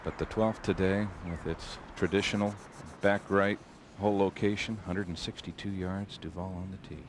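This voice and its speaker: A male golf commentator giving measured live tournament commentary in short descriptive phrases. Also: low-pitched, steady tone, a little hiss or hum.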